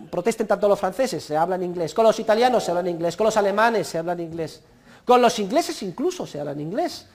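A middle-aged man from Spain with a Peninsular Spanish accent, lecturing students and giving them advice in an emphatic, exhorting way with dry humor. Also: high-pitched. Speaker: university lecturer.

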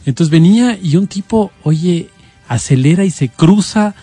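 A man co-hosting a radio talk show, telling a story in animated, casual banter. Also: a little slow, slightly rough, dry recording, faint music behind. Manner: animated storyteller, rises sharply in pitch.

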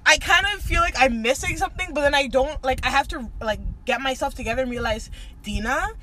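A woman's voice: high-pitched, brisk, pushed and bright, slight background noise. A young woman with a Toronto slang accent, chatting casually as a podcast guest in a slangy way. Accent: Toronto, with local slang. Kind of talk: casual chat.

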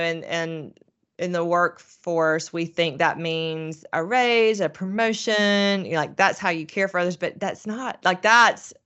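Lower-voiced woman hosting an interview. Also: bright, forceful tone. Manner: affirming, many encouraging backchannels. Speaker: host. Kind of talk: conversational interview.

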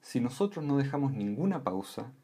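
Guy explaining how voice works, kinda husky, keeps saying ¿ya?. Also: medium pitch, a little fast. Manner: calm, with frequent "¿m?" and "¿ya?" check-ins. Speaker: voice and communication instructor. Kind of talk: explanatory lesson.

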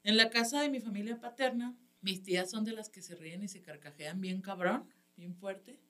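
A woman stand-up comedian with a Mexican accent, telling stories in a casual chat, animated and laughing often, with lots of slang. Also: mid-range voice, normal speed.

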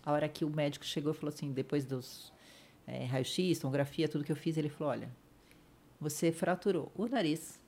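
A middle-aged woman with a Brazilian Portuguese accent, a podcast guest vividly retelling a personal ordeal, acting out what others said and dropping to a hush at the painful moments. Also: sits low, brisk, husky. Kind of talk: emotional personal storytelling.

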